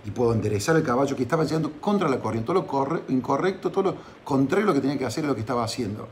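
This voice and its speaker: A man's voice: medium pitch, animated, racing, a little hiss or hum. A man with an Argentine accent telling a personal story as motivational advice, chatty, often checking in with tag questions and restarting phrases. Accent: Argentine Spanish. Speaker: entrepreneurship podcaster.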